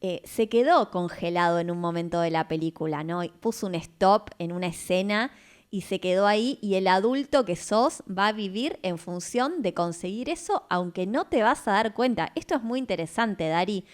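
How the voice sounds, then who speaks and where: A woman's voice: medium pitch, lively intonation, moderate pace, smooth. A woman radio host who talks in a thoughtful, explanatory way and often ends her points with a questioning tag. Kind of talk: reflective conversation.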